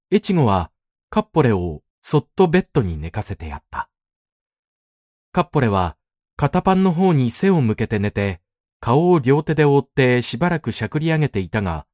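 Expressive male storyteller, dry close sound. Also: mid-range voice, no echo. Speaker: narrator. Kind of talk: scripted narration of a classic novel.

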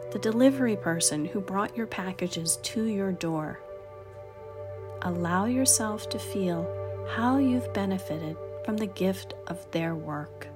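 A middle-aged woman narrates as a meditation guide with a gentle, soothing delivery. She takes her time over each phrase, in a mid-pitched voice, with music clearly playing behind her. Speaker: podcast host and meditation guide.

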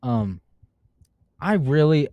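A man's voice: a little high, big pitch swings, takes it slowly, warm tone, dry recording, lo-fi sound. A man co-hosting a casual podcast, talking loosely and swearing a lot between laughs. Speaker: podcast co-host. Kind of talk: casual profane podcast chat.

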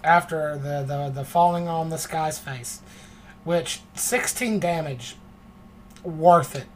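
A man co-hosts a relaxed podcast, keeping his voice low and sitting right up against the microphone. A faint hiss sits under his voice. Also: slow. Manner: low-voiced, talking very close to the mic. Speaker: podcast host. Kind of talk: casual chat. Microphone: close to the mic.

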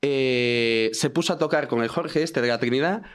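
A man's voice: medium pitch, normal speed, clean tone. A young man with a Spanish accent from Spain, telling a party story in a casual, slangy way among friends. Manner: animated anecdote teller, slangy.

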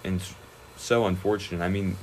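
A young man, a high school wrestler, chatting casually in an interview, relaxed and rambling with many fillers and restarts. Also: brisk, slight background noise, low-quality recording.

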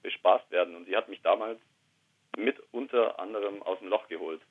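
A man in his thirties, a podcast guest, speaking quietly and reflectively, with hesitant pauses, about his own life. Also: low-pitched. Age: 30s. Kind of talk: candid personal conversation. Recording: tinny phone-line sound.

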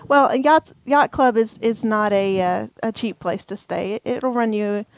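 A woman's voice: mid-range voice, moderate pace, dull audio. A woman co-hosting a casual podcast chat, talking freely with many fillers and restarts. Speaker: co-host of a theme park podcast.

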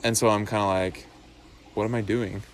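A man's voice: lowish voice, little pitch movement, normal speed, a little hiss or hum. A young man in casual podcast chat, thinking aloud and rambling with many fillers and restarts.

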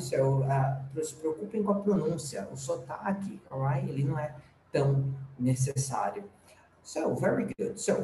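A man's voice: a little high, mellow. A man with a Brazilian Portuguese accent, teaching an English lesson to his students and slipping English fillers into his explanations. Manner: explanatory, with frequent restarts. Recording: roomy echo, faint background noise.

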